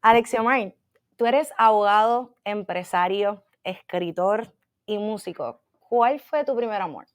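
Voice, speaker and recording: A woman hosts an interview with casual, energetic enthusiasm. She talks in a relaxed, slangy way and often restarts her questions as she goes. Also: medium pitch, unhurried. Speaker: interviewer, magazine host. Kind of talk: upbeat interview hosting.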